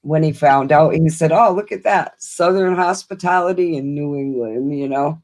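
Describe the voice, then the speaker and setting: A woman's voice: sits low, moderate pace, darkish tone. A woman in her sixties from Florida, co-hosting a live stream and chatting in a rambling, storytelling way. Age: 60s. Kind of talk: casual chat.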